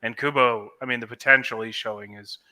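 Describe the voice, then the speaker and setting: Guy with a really bright sharp voice breaking down transfers, casual podcast chat. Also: mid-range voice, fairly even intonation, a little fast. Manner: thoughtful, analytical, lots of restarts. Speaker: podcast co-host.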